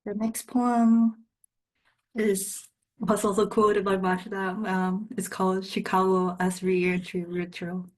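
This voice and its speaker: A woman poet whose native languages are Spanish and Korean reads her poems in short, measured, deliberate phrases, adding brief spoken introductions. Her voice is medium-pitched with a level tone, and the recording is rough.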